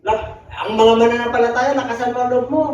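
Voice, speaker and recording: A man's voice: very high-pitched, flat delivery, a little fast, a little mellow, a little hiss or hum. Filipino male pastor preaching in an echoey hall. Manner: mixes Tagalog with English, asks the congregation questions. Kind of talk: sermon. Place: church hall. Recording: echoey distant muffled live recording.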